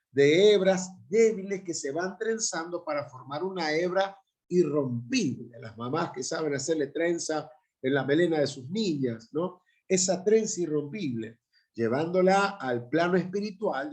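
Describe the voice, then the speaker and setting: A man's voice: high voice, a little mellow. A middle-aged man with an Argentine accent, a pastor teaching a Bible class in an emphatic way, often checking in with his listeners through tag questions. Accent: Argentine Spanish. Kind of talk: Bible institute lecture.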